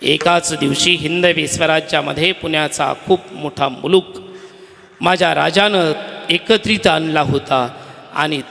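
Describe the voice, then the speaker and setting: A man telling a devotional story as a kirtan preacher, dramatic, dropping to hushed tones and rising to shouts. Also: on the high side, gravelly. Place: hall with an audience. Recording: long hall reverb.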